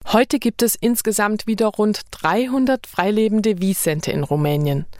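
A woman's voice: medium pitch, normal speed, darkish tone. A woman reading scripted narration for a nature documentary report as a reporter.

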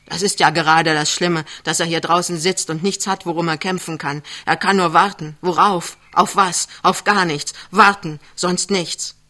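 A man's voice: fairly high pitch, little pitch movement, a little fast, few pauses, bright, forceful tone. A man reading an earnest, worried young wife. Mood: upset.

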